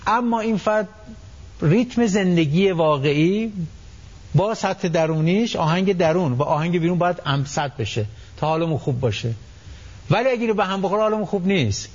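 A somewhat high, husky male voice explaining things on a radio talk program, animated and storytelling, slipping into little acted-out quotes. The broadcast sound is dull and lo-fi. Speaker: psychology expert guest.

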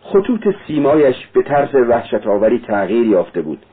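A man narrating a novel in a measured, dramatic storytelling reading. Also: mid-range voice, animated, husky. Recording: narrow lo-fi radio-like sound.

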